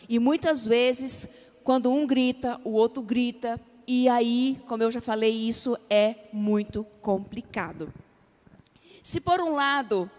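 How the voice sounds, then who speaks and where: A woman with a Brazilian Portuguese accent preaching a sermon, drawing the congregation into call-and-response and acting out everyday dialogue. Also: on the high side. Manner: lively, acts out everyday dialogue. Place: church sanctuary. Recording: long church hall reverb.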